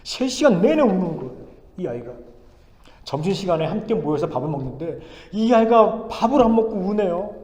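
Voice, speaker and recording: A man in his forties, a pastor telling a story in a Sunday sermon, swinging from loud exclamations to hushed asides. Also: high-pitched, very animated, fairly quick. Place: large church sanctuary. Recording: echoey church hall, long reverb.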